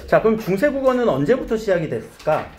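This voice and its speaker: A man teaches a class in a fairly high voice that swings widely up and down. He keeps firing questions at his students and nudging them toward the answers. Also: sing-song, fast talker, darkish tone. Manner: asks students questions and coaxes answers, repeats key terms. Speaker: high school Korean teacher. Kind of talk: classroom grammar lesson.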